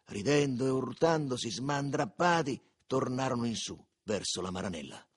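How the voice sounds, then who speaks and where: A man narrating a literary audiobook in a measured, expressive reading. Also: medium pitch, breathy edge. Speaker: audiobook reader.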